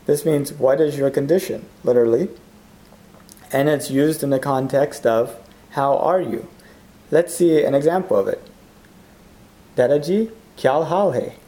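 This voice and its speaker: A man's voice: mid-range voice, moderate pace, warm tone. A man hosting a language lesson in an explanatory, scripted style, carefully enunciating example words. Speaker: language teacher, lesson host. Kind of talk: scripted Hindi lesson narration.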